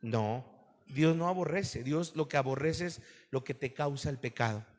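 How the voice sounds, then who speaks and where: Animated man preaching in a reverberant hall. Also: medium pitch, normal speed. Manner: animated preaching to a congregation, asks questions. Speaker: pastor. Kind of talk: sermon.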